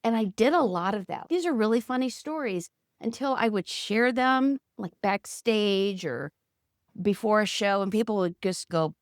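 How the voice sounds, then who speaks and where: A woman's voice: medium pitch, lively intonation, normal speed, no echo, clean studio sound. A woman guest, an actor and coach, talking reflectively and expressively in an interview. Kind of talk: conversational interview.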